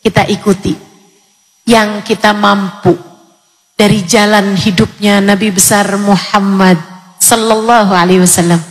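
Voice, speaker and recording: A woman's voice: medium pitch, in a large hall. A woman in her forties from Indonesia, preaching a sermon to an audience and telling stories with acted dialogue. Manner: storytelling, acts out dialogue voices. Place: lecture hall before an audience.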